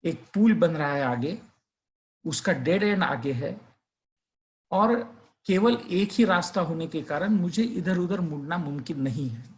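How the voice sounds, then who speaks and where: A male teacher tells a suspenseful story and then earnestly urges his students to revise. He speaks a little slowly in a fairly high, expressive voice.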